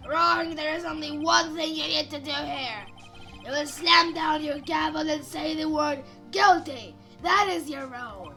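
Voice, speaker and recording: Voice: high-pitched, unhurried, few pauses, over music. A player voicing an arrogant old male prosecutor who talks down to everyone. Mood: commanding. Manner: scornful, commanding. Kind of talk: fan voice-over of a game.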